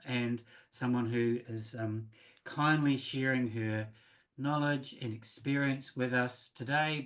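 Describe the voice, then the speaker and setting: A man hosting an online event, opening it over a video call and pausing often with ums. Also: medium pitch, fairly bright tone. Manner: hesitant, frequent ums. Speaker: event host. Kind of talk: welcoming introduction.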